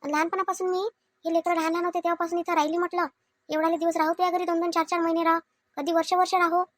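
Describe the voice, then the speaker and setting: Cartoon: high, fast, pleading widowed aunt, voiced by a woman, Vidarbha Marathi accent. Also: flat delivery. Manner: pleading, self-defending. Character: meek childless widowed aunt, wronged. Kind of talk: cartoon family comedy.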